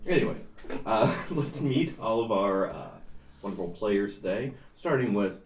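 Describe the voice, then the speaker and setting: A man with a low voice runs a tabletop game with loose, joking narration. He sounds roomy and set back from the mic, with faint music underneath. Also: expressive, unhurried. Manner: joking, filler-heavy. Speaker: game master. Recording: roomy room mic from far off.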